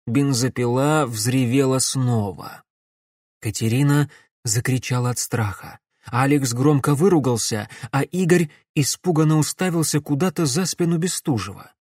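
A man narrating an audiobook in an even, measured storytelling manner. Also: mid-range voice, dry recording, clean studio sound. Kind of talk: scripted narration.

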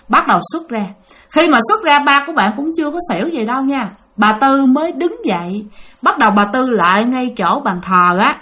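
Một phụ nữ giọng miền Nam kể chuyện tâm linh, giọng hơi cao, nói chuyện thân mật như tâm sự. Cô hay gọi "các bạn" và chêm nhiều từ đệm, kể tự nhiên không theo kịch bản. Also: female voice, on the high side, a bit bright. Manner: chatty, addresses listeners directly, many fillers. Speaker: storyteller host. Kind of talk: casual spoken ghost story narration.

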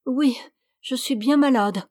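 A woman putting on a high, whining treacherous maid. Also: measured pace, darkish tone, no room sound, studio quality, lightly acted. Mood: feigned sickly. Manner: whiny, plaintive, insistent. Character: scheming young maidservant feigning sickness.

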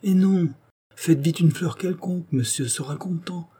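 A man's voice: medium pitch, brisk, warm tone, slightly rough, lightly acted. A man voicing a simple, kindly maidservant who talks cheerfully and earnestly. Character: simple, kindly female servant, eager to please.

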